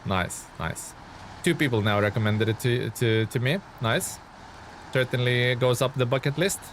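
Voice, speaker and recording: At a normal speed and medium pitch, a man from Lithuania chats casually on a live game stream, his tone fairly bright. He reads out and answers viewer comments with plenty of filler words, against slight background noise.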